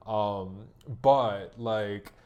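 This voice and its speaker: A man's voice: on the low side, drawn-out words, a little mellow, lo-fi sound. A young man telling a personal story in a candid, rambling monologue, full of fillers and swearing. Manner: profane, rambling with many fillers. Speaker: vlogger recounting a personal story.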